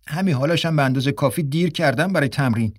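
A man's voice: fairly high pitch, husky, no echo, studio quality. Man voicing a sheepish young actor. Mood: apologetic. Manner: apologetic, slightly defiant. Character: young male actor, apologetic but proud.

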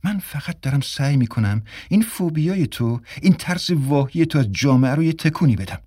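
A man reading an audiobook, voicing a sharp-tongued, scornful young woman who mocks and provokes. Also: on the high side, expressive, husky, no room sound, clean studio sound. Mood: lecturing. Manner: mocking, provocative.

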